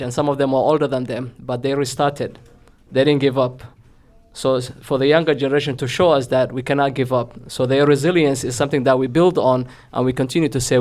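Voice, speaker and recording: A man's voice: mid-range voice, a little mellow. A man hosting a community event, welcoming people in an earnest speech that repeats phrases. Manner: earnest, repeats phrases, sprinkles in Somali words.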